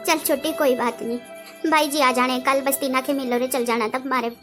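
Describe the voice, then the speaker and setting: A woman playing a patient elder sister who keeps calming the others. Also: sits high, normal speed, music in the background, lightly acted. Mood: soothing. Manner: calming, placating.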